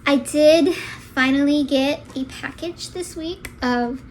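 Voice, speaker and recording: A woman's voice: sits high, slow pace, slight background noise, poor audio. A young woman vlogging in a casual, rambling, chatty way from a bedroom at home. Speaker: pregnancy vlogger. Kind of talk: casual chat to camera.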